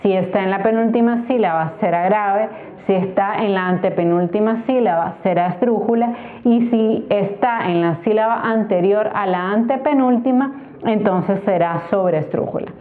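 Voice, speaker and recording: Patient Spanish teacher woman, tinny sound. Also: mid-range voice. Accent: Nicaraguan Spanish. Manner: patient, spells out syllables slowly. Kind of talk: explaining a grammar tutorial. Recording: tinny phone-like recording.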